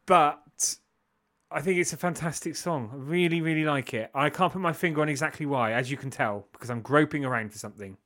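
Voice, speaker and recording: A man's voice: fairly high pitch, fairly quick, fairly bright tone. A man co-hosting a podcast, talking enthusiastically about an album in a casual chat. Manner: enthusiastic, gushing. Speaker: podcast co-host. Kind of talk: casual music review chat.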